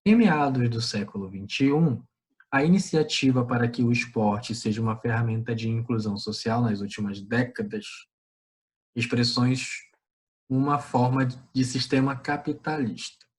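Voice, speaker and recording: Brazilian male teacher, steady middle-pitched voice, poses questions and answers them. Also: normal speed. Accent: Brazilian Portuguese. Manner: didactic, asks and answers his own questions. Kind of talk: online class explanation.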